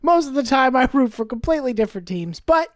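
A woman co-hosting a podcast in casual chat, tossing off quick jokes. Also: sits high, lively intonation, dry recording, clean studio sound. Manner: quick, joking asides. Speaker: podcast co-host.

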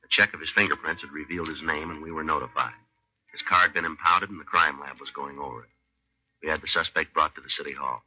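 An actor playing a tough, terse American police detective who also narrates in a deadpan, matter-of-fact way, in 1950s radio drama style. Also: male voice, rumbling low, fast, highs cut off, full character voice. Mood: dry reporting.

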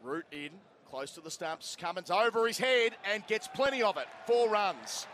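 A man delivers live radio cricket commentary in short, running phrases, his voice high-pitched and very animated at a moderate pace. Crowd noise from the outdoor ground comes through clearly, along with the open-air ambience.

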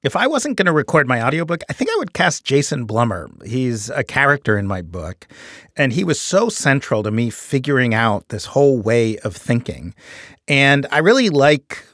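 A middle-aged author with a New York accent speaks in a thoughtful, earnest way, with an easy chuckle now and then. He is recorded close on a studio microphone in a dead, dry booth. His voice sits at an ordinary middle pitch for a man. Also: very animated, normal speed, fairly bright tone, dry recording. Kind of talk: reflective interview monologue.

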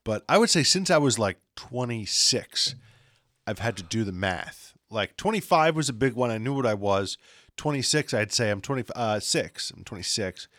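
A man in his forties co-hosts a podcast with a lively, wandering pitch, riffing and poking fun at himself. The sound is dry and close, with no room in it. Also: moderate pace, no room sound. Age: 40s. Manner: chatty, animated, self-deprecating. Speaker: podcast co-host. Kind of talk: casual chat.

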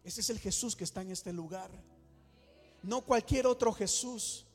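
A male pastor with a high voice preaching in a church. He builds his points dramatically and repeats exclamations for emphasis. A long reverb fills the hall, with faint music underneath. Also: unhurried, breathy edge. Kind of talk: sermon.

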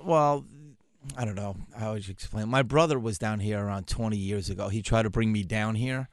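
A man's voice: fairly low pitch, a little fast, no room sound. A middle-aged man with a Long Island, New York accent, answering casually as a food truck owner being interviewed.

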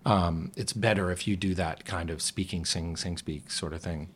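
A man talks casually as a guest, reflective and meandering, often breaking off and restarting his sentences. His voice sits very low and deep. He sounds like a musical theatre actor talking shop. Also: fairly even intonation, normal speed, breathy edge. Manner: reflective, rambling, with frequent restarts. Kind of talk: casual conversation.

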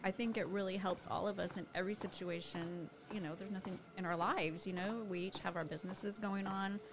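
A woman's voice: medium pitch, steady tone, brisk. A woman chatting casually with a friend, supportive and encouraging in how she talks. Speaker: co-host of a chat. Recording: noisy background ambience.

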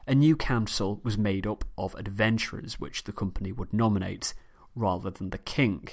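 A British man hosting a history podcast, reading a scripted narration in a measured way with chatty personal asides. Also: lowish voice. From United Kingdom.

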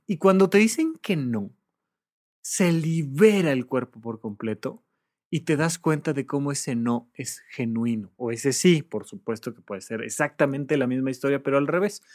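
A therapist in an animated podcast monologue, acting out hesitant client replies and patiently repeating questions. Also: medium pitch.

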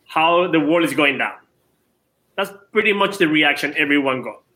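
Tennis club co-owner, male, late 30s, from Venezuela, ringing upper voice, quick with restarts. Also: a little high, lively intonation, sharp tone. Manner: quick, repeats words at starts. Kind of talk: casual interview.

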